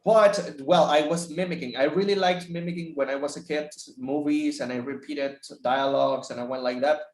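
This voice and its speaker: Mexican-accented male teacher, fairly high voice, stumbling animated storyteller, roomy echo. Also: moderate pace. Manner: animated storyteller, many restarts and repeated words. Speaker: teacher telling his story. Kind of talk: casual chat.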